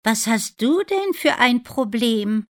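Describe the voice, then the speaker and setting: A woman's voice: fairly high pitch, very animated, slow, voice pushed up. A woman voicing an old, weak, gloomy cat in a storybook reading, with a sighing, doubtful manner. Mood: irritated.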